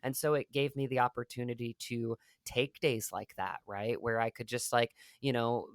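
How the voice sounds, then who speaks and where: A man with a medium-pitched, steady voice speaks at a moderate pace, sounding smooth in a dry, studio-quality recording. He's an actor appearing as an interview guest, sharing personal stories earnestly and reflectively. He hedges often and hesitantly, filling his speech with "like" and "you know."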